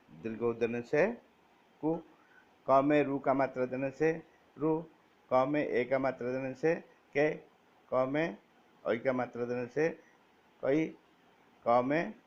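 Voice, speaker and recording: Very slow-speaking man teaching a lesson. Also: medium pitch. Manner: slow, deliberate, spells out each vowel sign; reads word lists aloud one word at a time. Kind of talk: Hindi grammar lesson for children. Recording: dull lo-fi recording.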